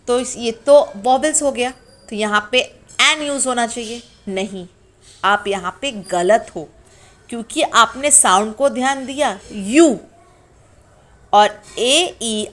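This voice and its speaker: A woman teaching an English grammar lesson to beginners, sounding out letters slowly and asking the class questions. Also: fairly high pitch, fairly bright tone. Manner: slow, drawn-out sounding of letters.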